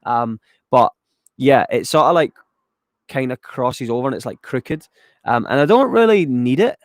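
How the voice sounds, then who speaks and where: A man's voice: medium pitch, animated, normal speed, no room sound. Rambling Scottish man, dry sound. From Scotland, west of Glasgow. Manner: loose and rambling, many ums, swears casually. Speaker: YouTuber answering viewer chat. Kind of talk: casual live chat reading viewer questions.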